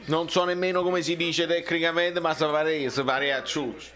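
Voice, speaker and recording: A football fan reacts live to a match in a high, bright, forceful voice. He is a man with a Neapolitan accent who talks in colloquial street slang. His casual commentary is excitable, with theatrical complaining. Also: normal speed.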